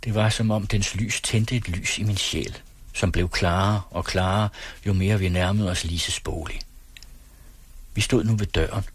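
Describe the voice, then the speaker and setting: A man reading a first-person literary story aloud in a measured way. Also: low-pitched, steady tone, breathy edge, no room sound. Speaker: audiobook reader.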